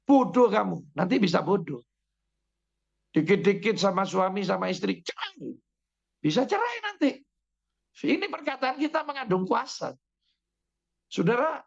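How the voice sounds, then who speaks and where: A man's voice: high-pitched, creaky, a bit bright. A male pastor preaching a sermon, telling stories and speaking directly to his congregation. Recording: dull lo-fi sermon recording.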